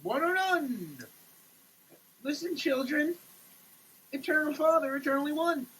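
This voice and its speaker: Reading printed text aloud in the shower, a person performs it dramatically and declaims, slipping in muttered asides. Their voice is high, animated and fairly bright, a little slow, and the audio quality is poor.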